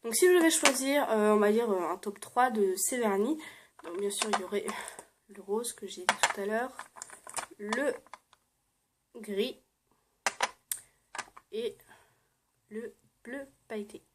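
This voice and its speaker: A woman's voice: medium pitch, takes it slowly, pauses often, very noisy. A young woman chatting casually as she shows things to her viewers, with many fillers and frequent laughs. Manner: chatty, many "euh" fillers, laughs often, drops to soft murmurs. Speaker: beauty vlogger. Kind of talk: casual show-and-tell vlog.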